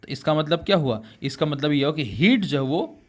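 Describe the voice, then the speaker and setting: Speaking fairly quickly in a fairly high, expressive voice, a male physics teacher lectures his class in Hindi mixed with English terminology. He addresses students as beta and answers his own rhetorical questions.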